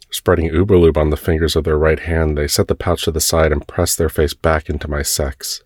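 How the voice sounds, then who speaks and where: A man narrating a first-person erotic story in a slow, soft, intimate way. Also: a bass voice, no echo, clean studio sound.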